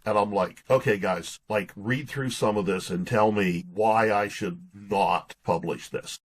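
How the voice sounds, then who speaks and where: Unhurried and lowish in voice, this pastor and author in his sixties shares stories as an interview guest on a podcast. He's folksy and earnest, his phrasing coming in stops and starts.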